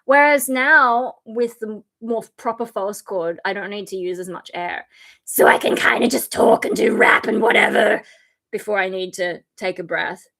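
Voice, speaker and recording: Her medium-pitched voice is creaky and fairly bright, moving at a normal speed, worn to fry from fatigue. A streamer and metal vocalist, she chats casually, explaining screams loosely with lots of fillers. She breaks off into harsh, unvoiced demonstrations.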